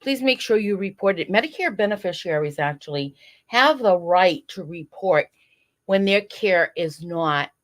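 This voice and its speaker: A woman's voice: lowish voice, animated, normal speed. A woman who is a guest on a podcast, earnestly advising listeners in casual interview talk. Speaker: guest program director.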